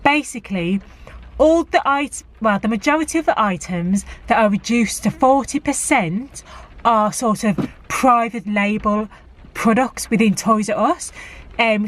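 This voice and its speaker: A woman in a casual vlog, chatting to camera and giving practical tips with plenty of fillers. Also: mid-range voice. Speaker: vlogger. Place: car park outside a shop, rainy.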